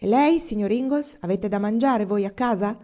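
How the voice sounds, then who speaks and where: A woman's voice: medium pitch, normal speed, mellow, lightly acted. A woman voicing a cheerful, plain-spoken young frontier man, in an audiobook reading. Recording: dull lo-fi recording.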